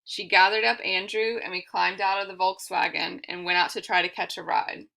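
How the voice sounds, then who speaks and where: A woman reading a memoir aloud for a library, in a steady, measured storytelling manner. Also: on the low side, creaky. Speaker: library reader.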